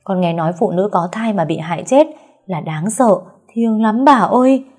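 A woman's voice: mid-range voice, normal speed, warm tone, faint music behind, voice pushed up, natural voice. A woman voicing a frightened young servant girl in an audio story, speaking in a trembling, urgent way.

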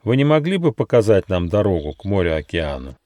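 Man doing a kind, gentle little gnome. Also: low voice, big pitch swings, a little fast, no echo. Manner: polite and gentle.

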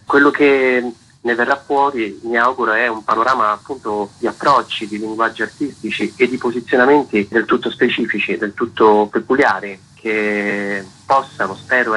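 A festival artistic director, appearing as an interview guest, gives prepared answers in long, winding, articulate and formal sentences. His lowish voice is bright, forceful and slightly rough, and the recording is rough.

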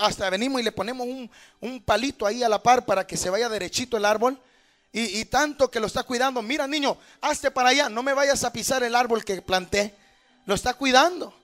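Man, pastor, very high voice, fervent sermon, faint music underneath. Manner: fervent preaching, rising to shouts. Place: church.

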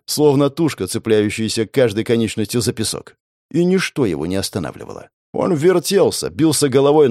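A man narrating a first-person audiobook in an expressive, dramatic storytelling manner. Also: mid-range voice, no room sound, studio quality.

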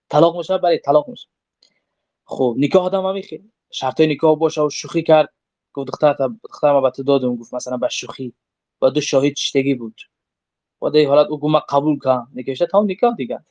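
A man's voice: mid-range voice, a little mellow, no room sound. Man teaching a religious text, lo-fi. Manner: reads short Arabic passages, then explains them conversationally with examples. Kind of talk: explaining a legal text line by line. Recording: dull lo-fi dry recording.

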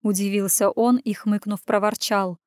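A woman reading a first-person story aloud as audiobook narration, in an even storytelling delivery. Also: mid-range voice, moderate pace, no echo, clean studio sound.

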